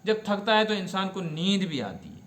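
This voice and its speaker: بلند آواز، گونجتا ہوا کشمیری لہجے والا بزرگ مفتی. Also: male voice, sits high, very animated, roomy sound. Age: older. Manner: explanatory, asks the audience questions and repeats Arabic words slowly. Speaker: mufti teaching Quran commentary. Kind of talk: religious lesson.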